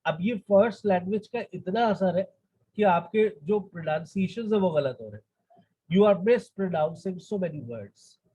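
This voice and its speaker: A man's voice: high voice, expressive, measured pace, warm tone, slightly rough. A man, teaching an online English lesson and switching between English and Urdu as he explains. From Pakistan. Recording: dull lo-fi recording.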